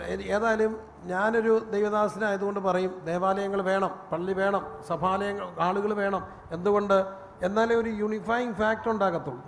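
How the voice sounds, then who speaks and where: A high-pitched male pastor preaching a sermon in a reverberant hall, with faint noise behind him. He tells his stories in a loose, conversational way and then climbs into fervent, emphatic preaching.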